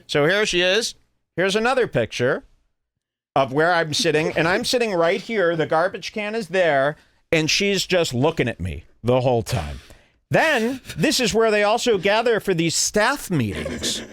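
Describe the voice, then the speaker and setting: A man hosts a podcast and tells a comic story with exaggerated indignation. His voice sits a bit high and swings widely in pitch. The recording is dry and close. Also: big pitch swings, moderate pace, a bit bright, no room sound. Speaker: podcast host. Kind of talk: animated comedic storytelling.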